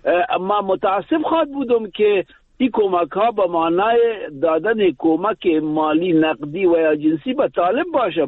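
A man with an Afghan Dari accent, a guest in a radio interview, answering in a halting way with many hesitations over a phone call. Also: sits high, dry recording. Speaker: guest analyst. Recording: tinny phone line.

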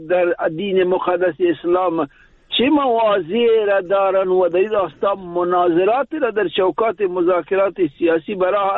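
A man's voice: high voice, no room sound. Man with an Afghan Dari accent on a tinny phone line. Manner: halting, many hesitations. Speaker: guest analyst. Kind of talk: radio interview answer. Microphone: phone call.

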